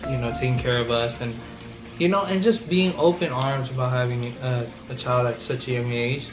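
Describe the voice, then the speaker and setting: A man in his twenties talking casually while eating, relaxed and leaning on "you know". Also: medium pitch, normal speed. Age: 20s. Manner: easygoing, repeats "you know". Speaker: co-host, father. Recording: echoey room with music playing.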